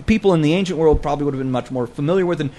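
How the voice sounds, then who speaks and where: A man's voice: on the high side, very fast, mellow. A man co-hosting a podcast, explaining scripture in a casual, scholarly way and thinking aloud as he goes. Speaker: podcast co-host discussing scripture.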